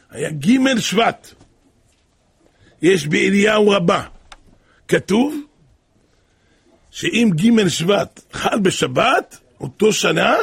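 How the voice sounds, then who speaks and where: Impassioned, gravelly, high-voiced male preacher. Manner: impassioned, swings from hushed to crying out. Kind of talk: sermon.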